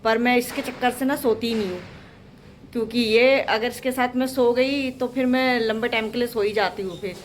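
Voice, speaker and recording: Chatting to the camera while she does housework, a young woman in her home kitchen shares details of her day and her little son. Her high-leaning voice stays steady at a moderate pace, with slight background noise present.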